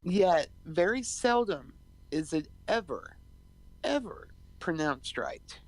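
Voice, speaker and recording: Slow-talking middle-aged woman. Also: fairly low pitch, big pitch swings, a little mellow, rough recording. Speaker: host's mother, guest. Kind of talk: casual live-stream chat.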